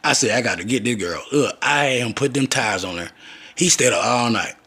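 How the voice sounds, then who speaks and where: Man, mid-range husky voice, casual profane vlog storyteller who jumps between tangents. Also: medium pitch, animated, a little fast, pushed and bright. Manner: loose, profane, digressive, acts out quoted voices. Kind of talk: rambling personal storytelling monologue.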